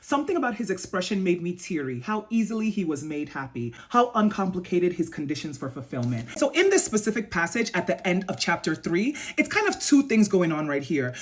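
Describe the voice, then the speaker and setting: A woman hosting a casual book club vlog, reading passages aloud and adding sassy asides straight to her viewers. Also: mid-range voice.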